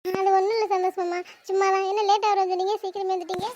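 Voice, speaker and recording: Brief: woman playing a mouthy young cartoon wife, very high, even-pitched, rattling her lines off quickly. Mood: playful. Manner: fast, teasing, talkative. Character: chatty young wife Meena, sharp-tongued and sulky.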